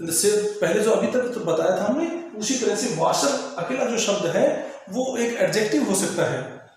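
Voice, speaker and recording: A man's voice: sits high, animated, unhurried, darkish tone. A male teacher explaining a grammar lesson, often repeating himself and spelling words out letter by letter. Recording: very echoey room with faint ambient noise.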